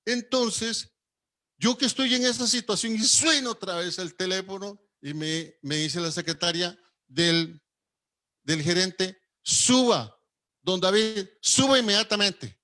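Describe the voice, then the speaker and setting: Animated, higher-voiced male preacher. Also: a little slow. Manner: animated storytelling, acting out dialogue. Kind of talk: sermon testimony.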